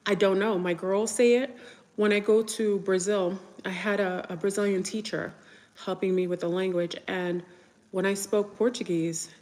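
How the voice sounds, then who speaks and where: A chatty woman from New York, whose first language is French, hosts a casual livestream in a reverberant room. Her mid-range voice is a little mellow, with fairly even intonation and a moderate pace. She rambles and chats while answering viewer comments.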